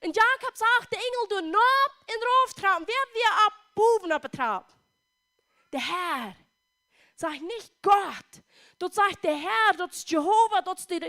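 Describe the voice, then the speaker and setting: A woman preaches with a Plautdietsch accent, her voice pitched very high. Her tone is bright and forceful, and she drives each point home by repeating it with emphasis. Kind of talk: sermon.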